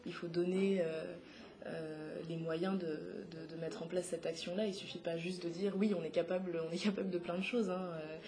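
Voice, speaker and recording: A young woman in her twenties answers an interviewer's questions, pausing often on filler sounds and starting her sentences over. Her voice is mellow and warm, sitting a little low for a woman. She speaks about her work with a careful, searching manner. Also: steady tone. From Congo (DRC), raised in France. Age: 20s. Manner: halting, many filler sounds and restarts. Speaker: interview guest, playwright and activist. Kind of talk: hesitant spoken interview answers.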